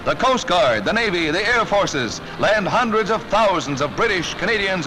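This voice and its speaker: Over loud music on an old soundtrack, a high-pitched American man declaims a scripted 1940s newsreel in an urgent, dramatic style. The recording is rough.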